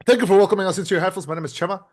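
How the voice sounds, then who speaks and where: Brief: young male podcast host, slightly higher voice, blunt, casual, swears a lot. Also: very fast. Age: 20s. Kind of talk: casual movie review chat.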